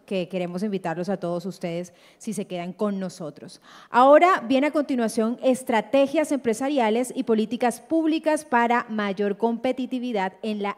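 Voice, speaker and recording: Heard through the long reverb of a hall, a woman moderates a conference. Her voice sits a little high as she makes formal announcements and introductions.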